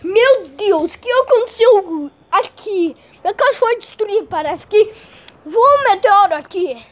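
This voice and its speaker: High-pitched, dramatic Brazilian woman vlogger. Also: expressive, measured pace, dull audio. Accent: Brazilian Portuguese. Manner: dramatic, exclaiming, repeats words. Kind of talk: casual home vlog. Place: at home, moving between rooms and garage.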